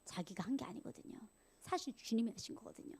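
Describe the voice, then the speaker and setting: A woman evangelist preaching a sermon, animated, acting out angry voices and dropping to whispers. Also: fairly high pitch, fast, slightly rough. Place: church sanctuary.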